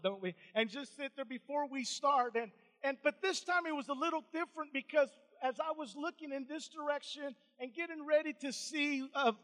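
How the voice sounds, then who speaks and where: A man's voice: very high voice, bright, forceful tone. A man preaching a fervent sermon in a church, repeating phrases, stumbling over restarts and adding amens. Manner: stammering restarts. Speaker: pastor. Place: church sanctuary. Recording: long reverb of a church hall.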